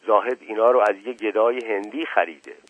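A man's voice: fairly low pitch, fairly even intonation, natural voice, poor audio. A man reading aloud as a timid villager who speaks with a trembling voice. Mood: fearful.

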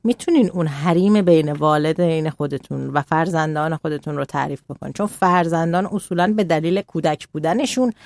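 A woman talking calmly as a radio guest, explaining parenting and boundaries in a measured way. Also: sits low, gravelly, no room sound.

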